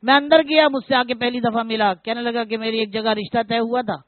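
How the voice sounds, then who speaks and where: A man's voice: very high voice, steady tone, no room sound. Joking preacher man, tinny lo-fi sound. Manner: joking, storytelling, keeps addressing listeners as brother. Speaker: preacher who performs weddings. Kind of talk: humorous sermon with anecdotes. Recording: tinny phone-like, dry sound.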